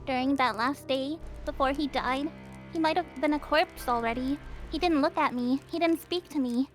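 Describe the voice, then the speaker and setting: A woman putting on a raspy country grave digger, grieving, highish voice, music underneath. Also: lightly acted. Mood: grieving, somber. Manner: halting, breaking into laughter.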